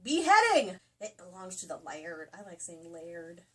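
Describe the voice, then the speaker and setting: Here another co-host, a woman, performs a comedic dramatic reading of a novel, hamming it up theatrically and breaking off for offhand remarks. She has a lowish, very animated voice and takes her time. Sound comes from a distant microphone in a noisy room.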